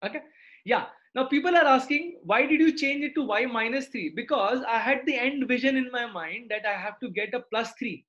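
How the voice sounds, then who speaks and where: A middle-aged man with a South Indian accent teaches maths in a live interactive online class, checking understanding with tag questions. His voice is very high and a bit bright at a moderate pace, and the recording sounds muffled.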